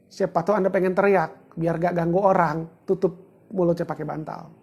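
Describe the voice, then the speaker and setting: A woman's voice: fairly low pitch, fairly even intonation, normal speed, gravelly, slightly rough, lo-fi sound. A woman giving a chatty, joking livestreamed teaching talk, greeting viewers and walking them through steps. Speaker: book discussion presenter.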